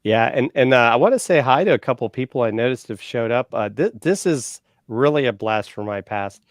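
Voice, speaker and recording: A man in his forties co-hosting a casual online show, chatty and upbeat, giving shout-outs with lots of fillers. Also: medium pitch, animated, brisk, dry recording, clean studio sound. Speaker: co-host.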